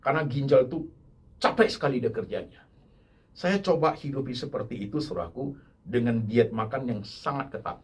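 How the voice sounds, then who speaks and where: An older man preaching a sermon as pastor, his voice husky, going from low murmurs to loud emphatic repeated lines and dropping in English words. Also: animated, normal speed.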